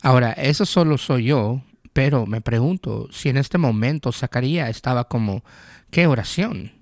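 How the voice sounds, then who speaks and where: A man's voice: medium pitch, moderate pace, darkish tone, no echo, studio quality. A male pastor giving a conversational sermon, asking the listeners questions and telling personal stories.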